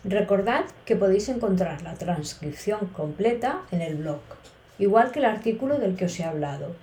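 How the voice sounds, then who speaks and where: A woman podcast host from Spain teaching Spanish expressions, speaking slowly and clearly with playful, varied intonation. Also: mid-range voice, expressive, dark tone, roomy sound, a little hiss or hum. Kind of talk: podcast lesson.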